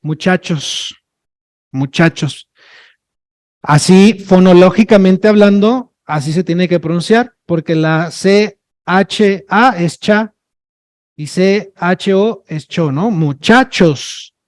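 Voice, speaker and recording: Slow and a little mellow, with a voice that sits high, a sign language trainer gives a workshop lecture. He chats and jokes with the audience, checking in often with "ok?" and "no?".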